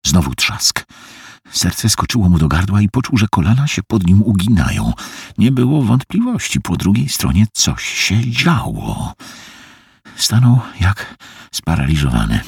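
A man reading a tense thriller audiobook aloud, playing out the dialogue with big swings of pitch. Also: sing-song, unhurried, gravelly, breathy edge, dry recording. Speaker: audiobook narrator.

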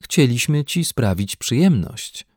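A man voicing an anxious, gentle mother in an audiobook reading, soft and fussing. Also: medium pitch, very animated, slow pace, no room sound, clean studio sound, full character voice. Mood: worried. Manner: worried, soft-spoken, fussing. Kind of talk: audiobook character voice.

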